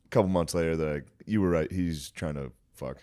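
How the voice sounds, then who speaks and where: A man in his thirties with a very deep voice trades easygoing banter on a podcast. His jokes land flat and deadpan. He is recorded close and dry, with a near-silent room. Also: a little fast, clear, resonant tone, no echo. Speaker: podcast co-host. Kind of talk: casual comedic chat.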